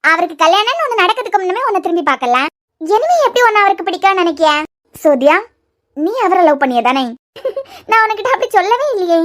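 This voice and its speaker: A woman voicing feuding young cartoon women, shrill and quick. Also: lively intonation, a bit bright. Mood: arguing. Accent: Kanyakumari Tamil. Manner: heated, reproachful arguing. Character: quarrelsome young women in a family feud. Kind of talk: cartoon dialogue acting.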